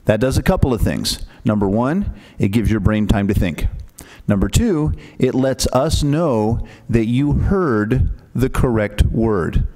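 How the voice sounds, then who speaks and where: A man's voice: mid-range voice, animated, unhurried, mellow. A man acting as pronouncer who patiently explains the rules to young spellers before a spelling bee, speaking into a microphone and often checking in with "okay?".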